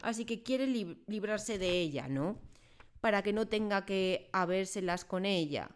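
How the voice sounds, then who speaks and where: A woman voicing a huge, brutal headmistress who rages, raised and loud, in a storybook reading. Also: mid-range voice, unhurried, voice pushed up, close to an everyday voice. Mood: furious. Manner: loud, raging, contemptuous.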